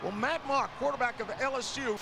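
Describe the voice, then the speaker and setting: Male football broadcaster, raised very high voice, pregame commentary over loud noise. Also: a little fast, creaky. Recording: very loud stadium noise behind.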